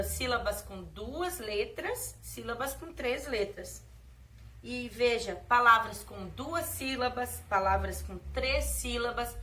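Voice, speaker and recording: Slow, bright-voiced Brazilian woman teacher. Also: a little high, recorded from a distance. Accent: Brazilian Portuguese. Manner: slow, warm-hearted teacher talk to small children, drawing out words. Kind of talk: children's lesson.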